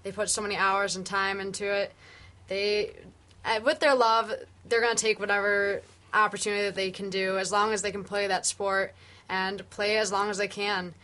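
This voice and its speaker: A woman's voice: mid-range voice, flat delivery, moderate pace, pushed and bright. A young woman on a radio panel, talking earnestly with lots of fillers. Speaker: studio guest panelist.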